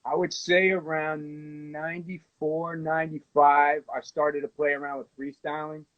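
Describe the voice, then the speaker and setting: A man's voice: on the high side, unhurried, no room sound. Man on a tinny, dry call line. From United States. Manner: relaxed, rambling storytelling with restarts. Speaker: guest musician. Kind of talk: casual interview chat. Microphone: phone on a live video call.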